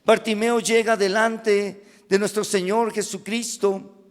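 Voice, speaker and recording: A man preaching a sermon with a Mexican Spanish accent, swinging from loud cries down to hushed asides. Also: high voice, flat delivery, slow. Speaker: pastor. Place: church hall. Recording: long reverb of a church hall.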